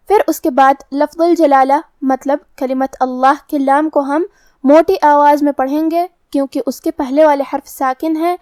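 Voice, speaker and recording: A woman teaching Quran recitation, explaining the rules step by step in a calm, methodical way. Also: high-pitched, dry recording, clean studio sound. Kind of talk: recorded tajweed lesson.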